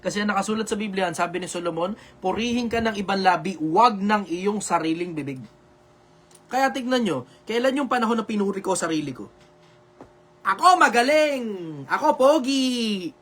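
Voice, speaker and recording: Loud Filipino show host, high voice, blunt and repetitive, swears freely. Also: male voice, a little fast. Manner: says he speaks loudly on purpose for social media. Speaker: live show host answering viewer questions. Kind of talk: loud, preachy live advice talk. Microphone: video call.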